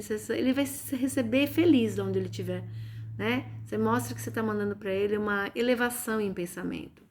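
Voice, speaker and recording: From her home, a chatty reiki teacher with a Brazilian Portuguese accent hosts a relaxed spiritual live stream, frequently turning to viewers and peppering her talk with "gente" and "né." Her voice is a little high, and there's a slight hiss or hum.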